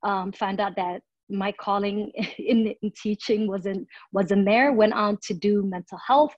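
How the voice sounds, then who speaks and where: Speaking unhurriedly in a medium-pitched, slightly mellow voice with fairly even intonation, a Somali woman in her thirties responds to interview questions as a city council candidate. She is earnest but full of "um" fillers and restarts. There is no room sound, and the recording is dull and lo-fi.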